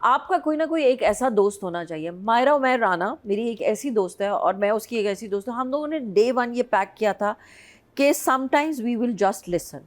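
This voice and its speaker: A woman's voice: on the high side, animated, moderate pace. A woman in her fifties, reviewing a drama on a panel in an emphatic, heartfelt way. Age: 50s. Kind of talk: casual chat reviewing a drama.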